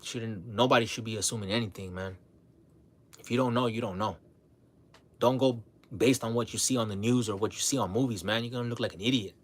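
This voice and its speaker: A man talking casually to his livestream audience, relaxed and blunt, sprinkling his talk with "man" and "bro", often repeating and restarting his words. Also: on the low side, a little fast. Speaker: livestream host.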